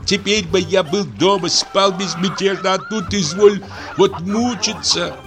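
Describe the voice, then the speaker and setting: A man's voice: high-pitched, unhurried, music in the background, pitched above the performer's own voice. A man voicing a weary, thirsty, indignant man who grumbles in an audiobook. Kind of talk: audiobook character voice.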